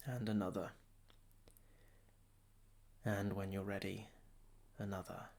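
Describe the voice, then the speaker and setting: A meditation teacher leads a guided session in a fairly low, level, darkish voice. He speaks soothingly and deliberately in short phrases, leaving long pauses between them.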